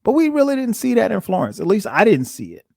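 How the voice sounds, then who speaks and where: A man in his forties, a podcast host from South Carolina, casually telling his own story in a reflective, thinking-aloud way with frequent soft chuckles. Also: high voice, wildly swooping pitch, fast, vocal fry, no echo, studio quality.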